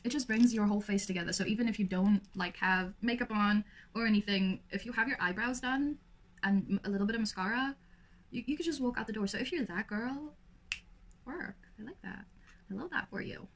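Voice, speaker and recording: A young woman with a raspy, lazy voice chatting casually through a makeup tutorial, full of fillers. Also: mid-range voice, fast. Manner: lazy, laid-back delivery full of fillers. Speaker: makeup vlogger.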